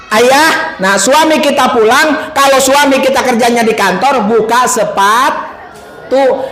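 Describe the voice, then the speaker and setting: High-voiced joking preacher in an echoey mosque. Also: male voice, sharp tone. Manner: joking, teasing the audience with animal impressions. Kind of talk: humorous sermon to a congregation. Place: mosque hall. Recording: echoey mosque hall sound.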